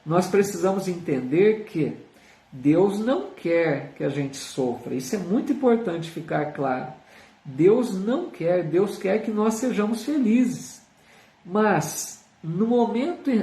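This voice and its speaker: Man, Brazilian Portuguese accent, earnest teaching tone, high-ish voice, roomy echo, distant mic. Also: mellow. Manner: earnest and teaching, with frequent tag questions, reading viewer comments aloud. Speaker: Spiritist study leader. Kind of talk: live online gospel study talk. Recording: roomy sound, speaker far from the mic.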